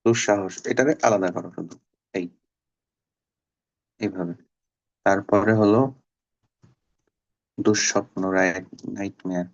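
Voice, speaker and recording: A man teaching a Bangla class online. He is patient and repeats words slowly to drill pronunciation. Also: low voice, fairly even intonation, muffled recording.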